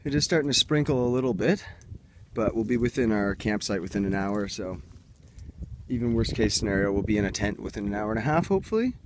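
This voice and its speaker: Talking fast and animatedly in a fairly low voice, a young hiking vlogger holds his camera and casually shows viewers things along forest trails and at a campsite. The background is noisy.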